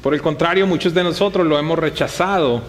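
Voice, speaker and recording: Preaching live before a gathered congregation, a pastor speaks in a raised, fairly high male voice at a fairly quick clip. His tone stays conversational as he fires rhetorical questions at the church. A faint hiss or hum sits under the recording.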